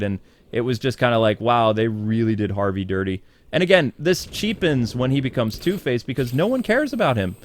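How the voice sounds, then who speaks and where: A TV show reviewer with a medium-pitched voice gives a casual, opinionated spoiler review of a cartoon episode. He's chatty and full of fillers, laughing now and then.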